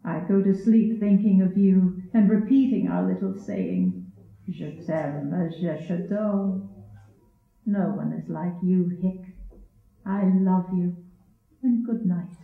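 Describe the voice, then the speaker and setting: A woman's voice: fairly low pitch, slow, gravelly. A woman reading as a tender letter-writing lover. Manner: soft and earnest, reading letters aloud. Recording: tinny, echoey, with faint music.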